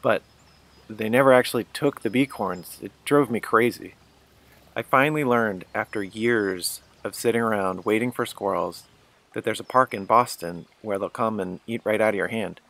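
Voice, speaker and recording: Gravelly low-voiced man telling a story. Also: normal speed, a bit bright. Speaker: narrator of a wildlife photo video. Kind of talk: casual storytelling narration.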